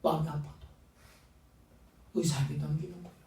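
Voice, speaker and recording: A man's voice: on the high side, level tone, normal speed, dark tone. A male pastor preaching a fervent sermon, sometimes acting out pleading voices. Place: church sanctuary. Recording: echoey church sound from a distant mic.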